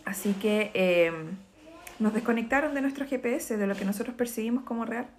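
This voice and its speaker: Lady therapist talking to camera, kinda high voice, explainy, acts out quotes. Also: a little fast, slight background noise. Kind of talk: psychology talk to camera.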